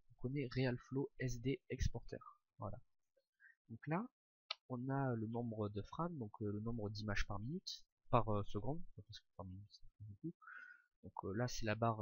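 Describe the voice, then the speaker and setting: Hesitant young man explaining software. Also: mid-range voice, slightly rough, no echo, dull audio. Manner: hesitant, many "euh" fillers, relaxed and informal. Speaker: tutorial maker. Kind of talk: casual screen-recorded software tutorial.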